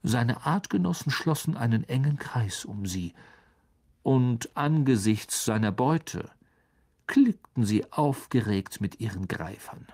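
A man narrating a fantasy audiobook in a measured, dramatic reading style. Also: mid-range voice, darkish tone. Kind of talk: scripted narration.

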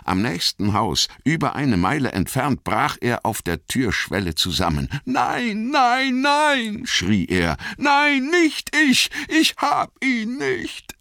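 A man narrating a fantasy audiobook with dramatic, expressive storytelling, recorded close to a studio mic. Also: rumbling low, creaky, no echo.

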